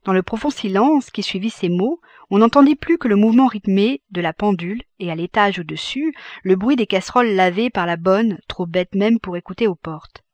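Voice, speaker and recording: A woman narrating a classic novel as an audiobook in a measured, expressive reading. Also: mid-range voice, no echo, highs cut off. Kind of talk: scripted narration.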